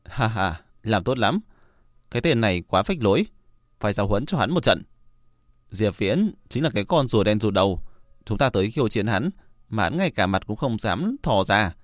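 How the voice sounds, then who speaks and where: A brash young martial challenger hurls loud, mocking taunts in a low voice, as a man reads him. The sound is dry and close to the mic, with no room around it. The jeers stay cocky and full of scorn throughout. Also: dry recording, close to an everyday voice. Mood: gloating.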